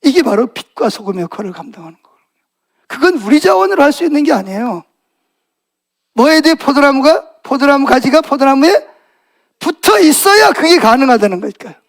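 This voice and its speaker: A man's voice: very high-pitched, sing-song, fairly quick, creaky. A middle-aged male pastor giving a Sunday morning sermon in a church, telling stories animatedly and asking the congregation questions. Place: church sanctuary.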